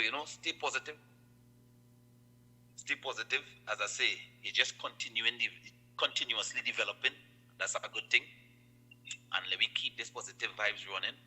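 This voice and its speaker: A man's voice: on the low side, brisk, rough recording. A Trinidadian man, a guest on an online chat, talks casually and earnestly about love and staying positive, repeating his phrases. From Trinidad and Tobago. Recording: loud music behind.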